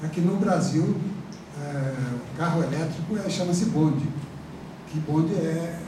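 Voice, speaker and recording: A Brazilian professor with a fairly high voice delivers a rambling, chatty lecture in a large classroom, unhurried and packed with fillers and tag questions. He is far from the mic, the room echoes strongly, and steady noise hums underneath.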